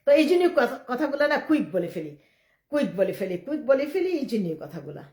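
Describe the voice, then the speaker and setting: A middle-aged woman from Bangladesh, speaking in a rambling live-stream monologue. She talks quickly and emphatically, often defiant, with many restarts. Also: on the high side, sing-song, darkish tone. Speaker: livestreamer. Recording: echoey room.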